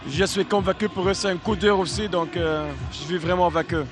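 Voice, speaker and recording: Subdued fan with a high voice. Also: male voice, fairly quick, over music. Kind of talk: street interview.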